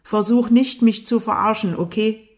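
Woman reading as a loud, jealous young man. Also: on the low side, a little slow, natural voice. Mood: taunting. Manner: loud, taunting, hostile.

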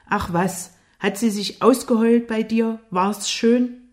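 A woman voicing an angry, jealous young man who speaks loudly and with hostile taunts, in an audiobook. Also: on the low side, a little slow, natural voice. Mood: taunting.

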